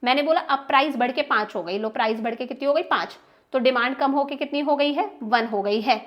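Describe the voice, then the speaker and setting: A woman's voice: high voice, fairly quick, highs cut off. A young woman with an Indian accent teaching an exam-prep economics lecture, explaining step by step, stressing key terms and often asking if students have understood. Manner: explains step by step, checks understanding with repeated questions.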